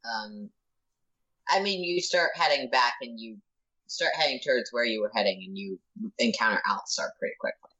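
A woman acting as game master, narrating a tabletop role-playing game in a halting, thinking-aloud way. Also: very deep voice, animated, pushed and bright, muffled recording.

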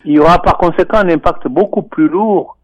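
A man commenting on finance and economics over a telephone line on a radio show, speaking in a measured, deliberate way with frequent hesitations. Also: a little high, dry recording. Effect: voice heard over a telephone line. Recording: muffled phone line, dry.

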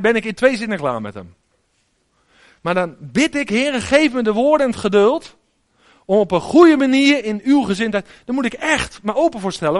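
A man's voice: extremely high pitch, fairly bright tone. A middle-aged man preaching a sermon in a conversational, storytelling way, often asking the listeners direct questions.

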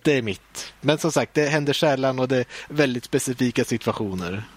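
A man telling a story in casual chat, lively and animated, swearing freely and acting out scenes. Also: medium pitch.

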